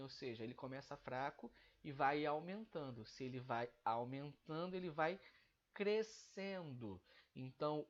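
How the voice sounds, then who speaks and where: A man's voice: a little high, highs cut off. A male teacher giving a grammar lesson, explaining step by step and drawing out the example words he is breaking down.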